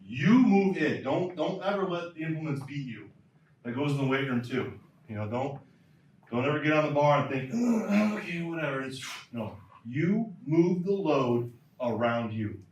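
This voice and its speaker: A man's voice: mid-range voice, lively intonation, normal speed, long pauses, far from the mic, highs cut off, slight background noise. Emphatic male coach lecturing in a roomy hall. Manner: emphatic, repeats key points. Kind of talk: clinic lecture with a Q&A.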